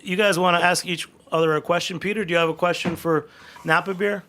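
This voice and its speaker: A man hosting a radio talk show, chatting with guests in a quick, excitable way. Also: high voice. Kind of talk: casual radio chat.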